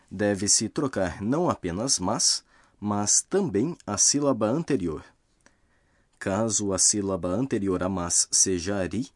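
A man narrating a scripted language lesson, explaining grammar rules slowly and carefully. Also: fairly low pitch, darkish tone, husky, dry recording, clean studio sound.

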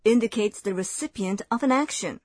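A woman hosting a language lesson, giving clear, measured scripted explanations. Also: medium pitch, lively intonation, a little mellow, no echo, studio quality.

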